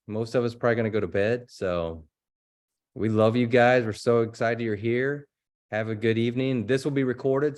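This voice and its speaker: A man hosts a group video call in a low voice. He sounds upbeat and encouraging, speaking casually to the group.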